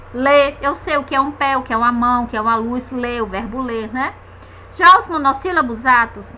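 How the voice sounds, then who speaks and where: Bright high-voiced woman teaching grammar. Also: a little hiss or hum, poor audio. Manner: patient, checks in with "né?" and "tá certo?"; drawn-out stressed syllables in example words. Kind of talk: explaining a grammar lesson.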